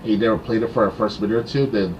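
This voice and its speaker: A man with a fairly low voice co-hosts a gaming podcast, piecing together his memories with many fillers. He sounds distant from the mic. The line is dull and lo-fi, with clear noise behind him. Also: steady tone. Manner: halting, filler-heavy recollections. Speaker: podcast co-host. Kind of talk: casual gaming chat.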